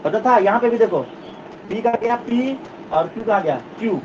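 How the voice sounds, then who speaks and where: A man's voice: sits high, moderate pace. A man teaching physics. He explains step by step, repeats key points and checks that his students follow. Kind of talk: classroom lecture. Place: classroom. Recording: distant, dull, noisy classroom recording.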